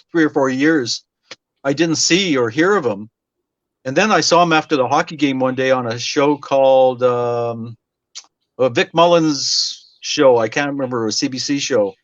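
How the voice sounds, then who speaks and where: A man's voice: medium pitch, a bit bright, no echo, highs cut off. A man in his sixties, a radio DJ, telling stories in an interview with restarts and small chuckles. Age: 60s. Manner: rambling anecdotes with restarts and chuckles. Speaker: interview guest, DJ. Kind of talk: casual storytelling interview.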